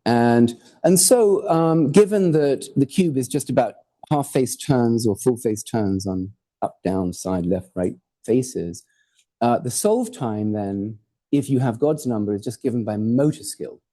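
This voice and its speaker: In a lecture hall, a mellow-voiced man presents an academic slide talk, speaking a little slowly in a mid-range voice. He was born in Hawaii and grew up in Portugal and England. His style is loose and rambling, peppered with humor and the odd swear word.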